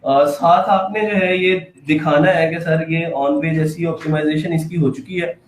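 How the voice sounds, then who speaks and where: A man's voice: on the high side, fairly even intonation, unhurried. A man teaching a class, explaining patiently with many fillers and check-ins. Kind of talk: classroom lesson. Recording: echoey room, faint background noise.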